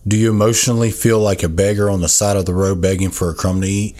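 A man reads a devotional and prays in a solemn, measured way. His voice is very deep. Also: level tone, dark tone. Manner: solemn, measured, rhetorical questions. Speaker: co-host of a recovery devotional show. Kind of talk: reading devotional text and prayer.

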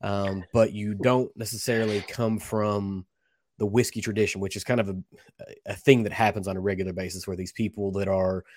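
A man with a lowish voice hosts a casual interview. He talks in a roundabout way, building up questions with asides and examples. The sound is very dry and close. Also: flat delivery, fairly quick, darkish tone, no room sound. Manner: discursive, illustrates points with stories and quotes. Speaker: podcast interviewer, host. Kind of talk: conversational interview.

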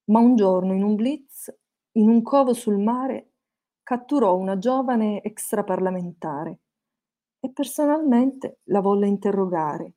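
A woman recites satirical rhyming verse with a mellow, warm tone. Her delivery has a sing-song lilt that bounces from one rhyme to the next. She carries each comic tale at a steady, middle pitch. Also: a little slow.

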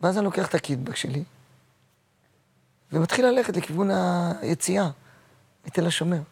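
A man in his sixties, a guest actor and comedian, telling personal stories in a halting, emotional way with many repeats. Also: high voice, animated, a little mellow, breathy edge. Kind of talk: personal interview storytelling.

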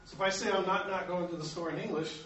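American guy teaching sunday school, kinda high voice, echoey room picked up from far off. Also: steady tone, quick pace, fairly bright tone, a little hiss or hum. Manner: explanatory, self-correcting, chuckles at himself. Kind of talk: Bible lesson to a class. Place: church classroom. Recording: echoey room, mic at a distance.

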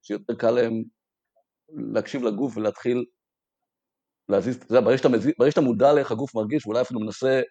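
A man explaining in a reflective, casual way, halting with many fillers and restarts. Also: medium pitch, fairly even intonation, mellow, breathy edge, no room sound. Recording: dry, dull-sounding mic.

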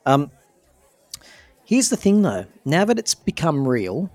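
A man co-hosting a podcast, chatting in a warm, reassuring, enthusiastic way while he is losing his voice. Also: on the high side, big pitch swings, slow, no echo. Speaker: podcast co-host. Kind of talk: casual fan chat.

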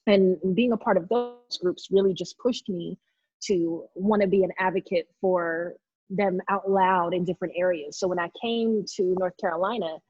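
A woman in her thirties from New York City, a guest in an interview, talking loudly and passionately about herself. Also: on the low side, fairly even intonation, moderate pace, slightly rough, no echo, muffled recording, faint music behind. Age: 30s. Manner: loud, outspoken, passionate. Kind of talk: casual interview talk.

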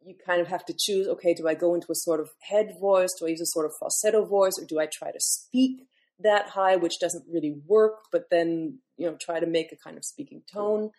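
A woman with a somewhat low speaking voice talks through her craft as a classical singer. She explains things thoughtfully in an unscripted interview, often pausing on fillers and restarting her sentences. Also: a little mellow. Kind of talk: podcast interview.

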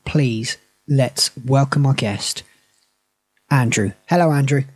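Husky male podcast host, close dry sound. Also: medium pitch, takes it slowly, no room sound. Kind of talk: casual podcast chat.

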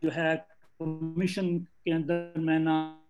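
An older man with a Pakistani accent gives an off-the-cuff panel talk, making emphatic points with hesitant pauses. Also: fairly high pitch, completely flat delivery, a little mellow, dull audio, soft background music. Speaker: civil service academic and guest speaker. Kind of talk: extempore panel talk on video call, mixing English and Urdu.

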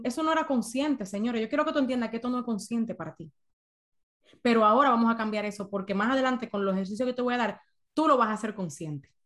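A woman coach giving an emphatic workshop talk on emotional eating, repeating points and calling out to her listeners. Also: a little high. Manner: emphatic, repeats herself, addresses audience as señores.

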